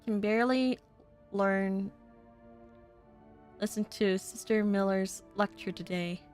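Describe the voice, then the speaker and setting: A woman streaming a game, reading its letters and dialogue aloud in a slow, expressive way, and turning playful and giggly between lines. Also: medium pitch, soft background music. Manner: playful and giggly when ad-libbing. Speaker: VTuber streamer.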